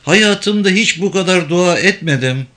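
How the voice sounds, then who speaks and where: A man's voice: high-pitched, expressive, unhurried, sharp tone, pitched above the performer's own voice, heavily acted. A man voicing a frightened middle-aged woman climber in a raised voice. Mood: shaken.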